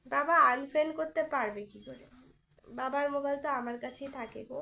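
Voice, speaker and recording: Young female streamer, high-pitched, throat sore from illness; casual, teasing chat with viewers. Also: a little fast, vocal fry, fairly bright tone. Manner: chatty, teasing, greets viewers by name. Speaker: live stream host.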